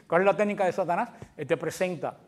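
A man's voice: high-pitched, quick pace. A male preacher giving a sermon in a conversational way, often asking his congregation questions.

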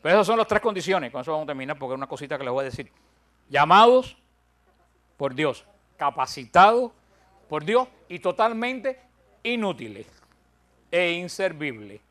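An older man leads a Bible study, his voice sitting a little high for a man. He stresses each point he counts off and slips into humorous stories that poke fun at himself. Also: big pitch swings, normal speed, long pauses, a bit bright. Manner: humorous, self-deprecating storytelling; emphatic, counts points aloud. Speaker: Bible teacher.

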